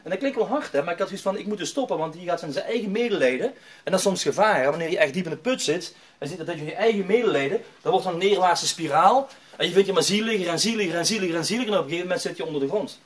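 A man's voice: high-pitched, expressive, rapid-fire. A middle-aged man preaching a personal testimony, emphatic and conversational, repeating himself and using tag questions.

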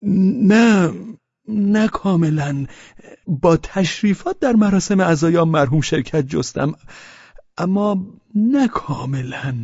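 A man's voice: animated, darkish tone, husky, no room sound, dull audio, exaggerated voice. A man voicing a drunk, fawning, frightened middle-aged man who whines and pleads. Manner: shrill, whining, pleading.

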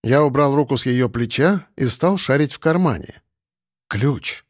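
A man's voice: medium pitch, animated, measured pace, no echo, clean studio sound. Wry male audiobook narrator. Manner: wry, conversational. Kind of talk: first-person audiobook narration.

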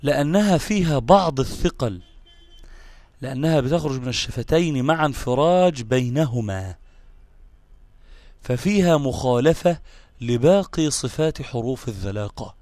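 An Egyptian man gives a live online lesson on how Arabic letters are pronounced. He explains step by step, repeats each key term and keeps checking that his students are following. His voice sits at an ordinary middle pitch and sounds close and dry, with no room around it. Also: expressive, moderate pace, long pauses, darkish tone, dry recording. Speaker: Quran recitation teacher.

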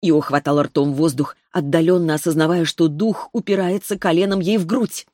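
A woman reading a fantasy novel aloud in a steady, measured narrating voice. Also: low voice, dry recording, clean studio sound. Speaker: audiobook narrator.

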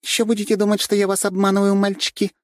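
Man putting on a high sly vixen girl. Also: monotone, fast talker, no echo, clean studio sound, close to an everyday voice. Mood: coy.

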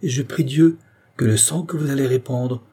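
A man reading an audiobook voices a proud, condemned king who speaks in a commanding, defiant tone and rises to shouts. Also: medium pitch, fairly even intonation, moderate pace, a little hiss or hum, natural voice. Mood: solemn. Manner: masterful, defiant, rising to shouts.

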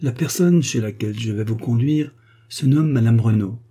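Man doing a calm fatherly lawyer, reassuring, dark husky voice. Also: medium pitch, normal speed, lightly acted. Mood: kindly. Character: kindly, fatherly middle-aged male lawyer.

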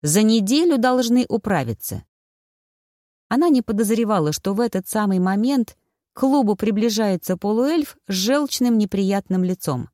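An audiobook narrator reading a fantasy story in a steady, even storytelling manner. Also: mid-range voice, normal speed, dry recording, studio quality. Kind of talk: scripted narration.

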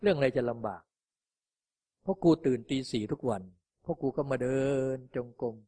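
A man teaching as a Buddhist meditation master, speaking gently and like a father to his listeners. He tends to close his phrases with soft little particles as he answers questions in a dharma talk. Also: medium pitch, animated, moderate pace, slightly rough.

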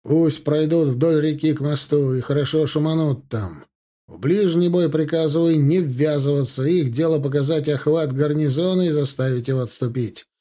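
A man voicing a calm, decisive commander in an audiobook, giving measured orders. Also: a little high, natural voice. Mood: commanding.

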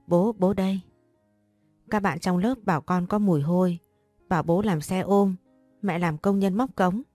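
A woman voicing a tearful, stubborn schoolgirl of about ten to twelve, in a low, mellow reading voice. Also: moderate pace, dry recording, soft background music, lightly acted. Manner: plaintive, defiant.

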